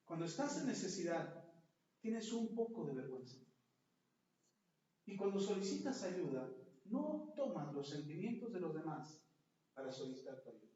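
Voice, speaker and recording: A man's voice: a little high, very animated, moderate pace, long pauses, dark tone. A middle-aged man, preaching a sermon and telling stories by acting out little scenes. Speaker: pastor. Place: church hall. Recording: echoey church hall, far from mic, dull.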